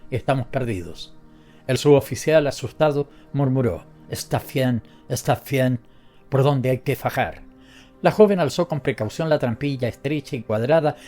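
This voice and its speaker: A man narrating a story as an audiobook reader, in a steady, measured way. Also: mid-range voice.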